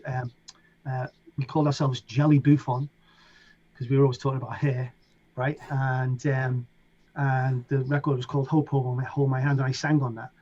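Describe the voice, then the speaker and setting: A middle-aged man with a Liverpool accent, a DJ and producer telling stories in a casual interview and acting out other people's lines. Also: medium pitch. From England. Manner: animated, acts out other people's lines in raised voices. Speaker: DJ and producer guest. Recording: dull lo-fi sound.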